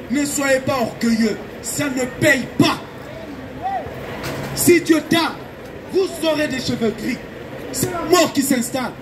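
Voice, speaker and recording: Against a noisy background, a Belgian man with a very high voice preaches an open-air evangelistic sermon with fervor. His delivery is urgent, emphatic and exhorting, full of repeated phrases.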